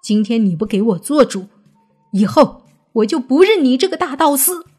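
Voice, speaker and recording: A woman plays a hot-headed young man who shouts back at his elders, defiant and bent on revenge. His voice is raised high and loud, with a husky edge over faint music in the storybook reading. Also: sing-song, normal speed, full character voice.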